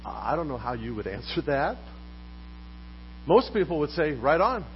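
Male pastor, sermon, animated questioning delivery, muffled lo-fi sound. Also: a little high, normal speed. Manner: lively, poses questions to the congregation. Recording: dull recording with faint mains hum.

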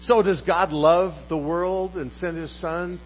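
A man preaching a sermon as pastor, putting questions to his congregation in a lively manner. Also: high voice, unhurried. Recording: dull recording with faint mains hum.

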